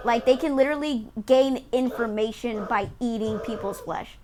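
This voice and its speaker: A woman's voice: on the high side, normal speed, dark tone. A woman game streamer reading on-screen story text aloud and chatting in an amused way as she explains it. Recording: faint background noise.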